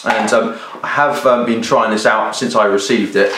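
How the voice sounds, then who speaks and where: A British video reviewer with a lowish, bright, forceful voice and fairly even intonation talks to camera at normal speed in a casual, rambling product review. He hesitates and often rephrases as he goes. The sound is roomy and echoey, with slight background noise.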